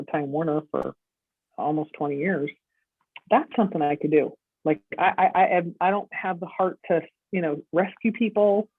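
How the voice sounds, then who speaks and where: A woman's voice: on the low side, breathy edge, dry recording. A middle-aged woman, a podcast guest, telling her story and acting out the dialogue as she goes. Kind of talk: storytelling interview. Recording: tinny dry phone-line audio.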